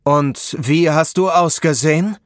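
A man putting on a slow fatherly wizard leader. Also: on the high side, no echo, studio quality, lightly acted. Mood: solemn, fatherly. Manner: slow, solemn and paternal.

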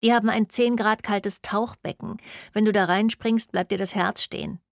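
A woman's voice: medium pitch, fairly even intonation, normal speed, no echo, clean studio sound, voice pushed up, close to an everyday voice. A woman voicing a bored young student with a weary, matter-of-fact manner. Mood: chatty.

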